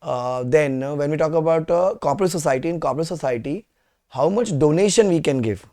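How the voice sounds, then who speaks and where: A man's voice: on the high side, animated, a little fast, dark tone. A man with an Indian accent teaching a live class, putting quiz questions to students and repeating phrases for emphasis.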